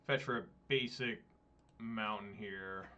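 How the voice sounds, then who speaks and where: A man's voice: on the low side, slow pace, pushed and bright, dull audio. A man thinking aloud in a casual, muttering way while he plays an online card game, with exasperated asides. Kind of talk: thinking aloud over gameplay.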